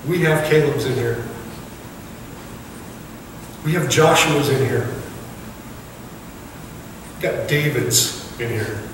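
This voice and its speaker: Captured by a distant mic in an echoey hall, this sermon comes from a male pastor in a large church sanctuary who earnestly presses his congregation with question after question. He speaks slowly at a medium pitch, pausing often, amid background noise.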